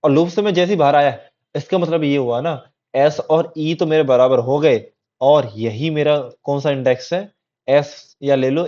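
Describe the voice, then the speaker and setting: A man's voice: medium pitch, warm tone. A man teaching a coding lesson in a casual, repetitive way, often checking that listeners follow. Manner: chatty, repetitive, keeps checking in with "theek hai". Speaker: coding tutor. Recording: dull lo-fi recording.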